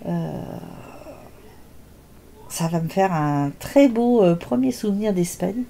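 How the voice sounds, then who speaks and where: A woman's voice: fairly low pitch, animated, takes it slowly, creaky, dark tone, slight background noise. An older woman hosting a knitting podcast, chatting casually and hesitantly with lots of filler sounds as she shows her work. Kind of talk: casual show-and-tell chat.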